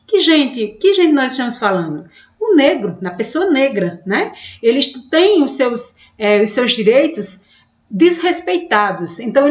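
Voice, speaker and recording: Woman teaching, echoey lo-fi room. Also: high-pitched. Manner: explanatory, pointing things out with frequent "né?" and "ó". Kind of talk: online literature lesson. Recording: echoey room, dull lo-fi sound.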